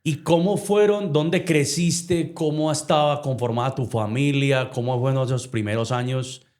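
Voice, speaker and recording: Podcast host, male, Medellín Colombian accent, enthusiastic and friendly, mid-pitched. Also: steady tone, normal speed, a little mellow. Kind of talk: casual interview chat.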